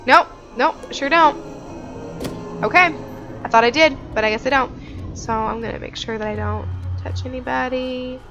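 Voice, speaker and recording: A woman's voice: high voice, moderate pace, bright, forceful tone, dull audio, soft background music. A woman hosting a casual game walkthrough on a headset mic, chatty and informal, thinking aloud as she goes. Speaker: gaming video host.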